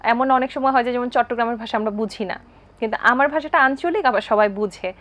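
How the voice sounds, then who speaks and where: A woman appearing as a guest on a talk show, telling stories about her life in a brisk, anecdotal way. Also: on the high side, a bit bright. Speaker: content creator guest. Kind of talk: talk show interview answers.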